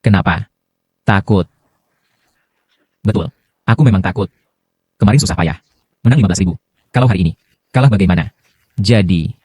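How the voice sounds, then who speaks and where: A man's voice: low voice, a little fast, long pauses, dark tone, breathy edge, no room sound. A man voicing a stern father and chairman in a dubbed drama, curt and clipped. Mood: taunting.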